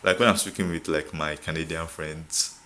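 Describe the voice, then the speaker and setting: This vlogger is a young man from Nigeria whose very deep voice comes across bright and forceful, with a steady tone at normal speed. Speaking in a Nigerian accent, he chats with the camera, laughing frequently, code-switching, and filling gaps with "like."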